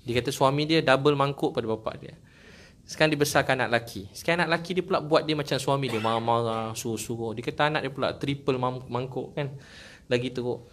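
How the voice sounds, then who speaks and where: A man with a Malaysian Malay accent gives a sermon to a gathering. His voice sits in a middle pitch, and he tells stories warmly paced, slipping in jokes and acting out what people said. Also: fast talker, slight background noise. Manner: storytelling with jokes and acted quotes. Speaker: preacher. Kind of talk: religious talk to a gathering.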